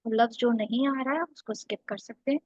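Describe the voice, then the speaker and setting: A woman's voice: on the high side, fast talker, darkish tone, no echo. Corrective woman tutor, dry lo-fi sound. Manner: coaching, corrective, explains step by step. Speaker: English exam tutor. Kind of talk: one-on-one online lesson.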